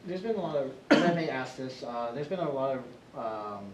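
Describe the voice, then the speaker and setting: A man's voice: medium pitch, a little fast, slight background noise. A man asking polite, slightly hesitant interview questions. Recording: echoey, distant mic.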